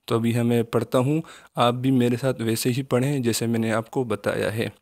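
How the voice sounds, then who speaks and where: Patient, flat-voiced male Quran teacher. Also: medium pitch. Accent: Pakistani Urdu. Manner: patient, repeats each letter slowly and drawn out. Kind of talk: children's recitation lesson.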